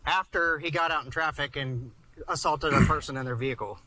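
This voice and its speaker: Calm quick-talking police officer. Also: male voice, a little high, noisy background. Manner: calm, firm, terse.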